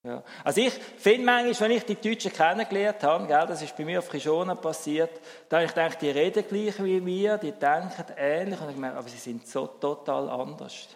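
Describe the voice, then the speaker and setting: A Swiss man with a Swiss German accent, giving a sermon at a church service and chatting with the congregation, now emphatic, now quiet. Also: on the high side, a little fast, gravelly, few pauses. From Switzerland. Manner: lively, swings between emphatic and soft. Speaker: preacher. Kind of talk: sermon with audience interaction. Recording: long hall reverb.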